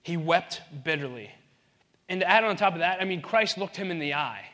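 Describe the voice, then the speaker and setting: A man in his thirties preaching a sermon in an animated way, acting out the voices in the Bible story. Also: fairly high pitch, normal speed. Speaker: pastor.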